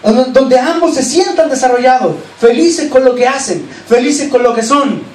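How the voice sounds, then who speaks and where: A man with a Chilean accent preaching a sermon as pastor, earnestly urging his listeners, then dropping to soft, low asides. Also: moderate pace. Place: church hall. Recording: echoey church hall, distant mic, faint hiss.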